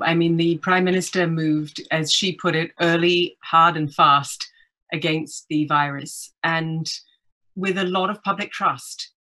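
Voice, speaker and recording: A woman's voice: low voice, bright, forceful tone. A woman, a professor answering interview questions confidently. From New Zealand.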